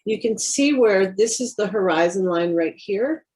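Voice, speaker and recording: A woman's voice: medium pitch, lively intonation, unhurried, noisy background. A woman teaching a beginner watercolor class, explaining technique in a patient, practical and encouraging way. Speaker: watercolor instructor. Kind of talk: live painting class instruction.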